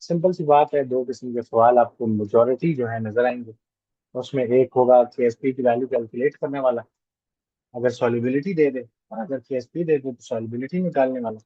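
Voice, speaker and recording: A man's voice: medium pitch, brisk, slightly rough, no room sound, dull audio. A male chemistry teacher giving a classroom lecture, repeating key phrases and checking that students follow. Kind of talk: classroom lecture mixing Hindi and English.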